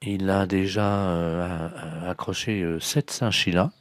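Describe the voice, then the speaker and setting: A man's voice: sits low, steady tone, unhurried, no echo. A man making a prank phone call, earnest and plausible.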